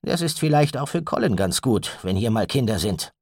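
A man voicing an irritable, harried male farm owner who talks curtly and sounds strained and rough in an audiobook story. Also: medium pitch, sing-song, a little mellow, dry recording, studio quality, pitched above the performer's own voice. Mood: irritated. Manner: quick-tempered and curt.

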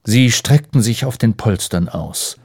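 A man narrating an audiobook in an expressive storytelling manner. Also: medium pitch, a little slow, breathy edge, no echo, clean studio sound.

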